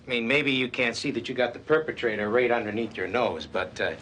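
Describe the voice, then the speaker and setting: A man's voice: medium pitch, a little fast, fairly bright tone, a little hiss or hum, lightly acted. Man playing a sneering hotel security chief. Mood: sarcastic. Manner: officious, sarcastic.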